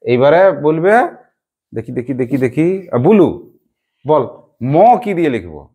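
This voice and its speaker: A man's voice: medium pitch, lively intonation, measured pace, warm tone, breathy edge. A male teacher runs a classroom lesson, calling pupils by name and praising each answer. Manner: encouraging, quizzing pupils by name.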